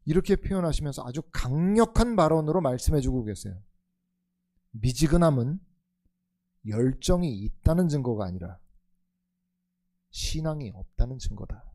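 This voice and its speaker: A man's voice: medium pitch, big pitch swings, normal speed, pauses often, mellow. A male pastor giving an expository sermon, acting out quoted voices with rising intensity and dramatic swings.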